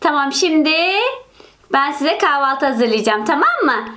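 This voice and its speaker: A woman's voice: high voice, expressive, a little slow, pushed and bright, a little hiss or hum, exaggerated voice. A woman voicing a cheerful, bossy big-sister girl who loves ballet. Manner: chatty, self-satisfied. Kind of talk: toy role-play voicing.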